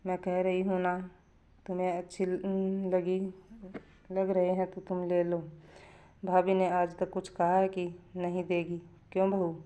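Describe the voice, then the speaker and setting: A woman voicing an angry, domineering middle-aged mother-in-law who scolds with shrill accusations. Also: monotone, unhurried, dark tone, clear, resonant tone, lightly acted. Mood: coaxing.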